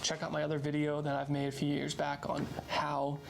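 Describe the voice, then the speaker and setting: A man's voice: on the high side, completely flat delivery, fairly quick. A man in his thirties explaining things in a casual, informal, plain-spoken how-to style, sometimes repeating words for emphasis. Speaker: instructor, duck hunter. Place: outdoor covered patio at night. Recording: clear outdoor background noise.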